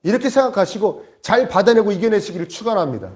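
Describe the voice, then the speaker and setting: A male pastor delivering a sermon in church, his voice sitting high and swinging widely in pitch. He tells his stories in an animated way and slips into the voices of the people in them. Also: fast. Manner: animated storytelling, acts out voices. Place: church sanctuary.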